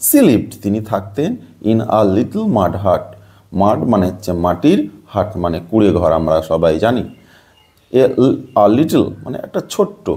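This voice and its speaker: A man from Bangladesh explains a pronunciation lesson. He is patient and repetitive, spelling words out sound by sound. His pitch moves in a lively way and his tone is mellow. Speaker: English teacher.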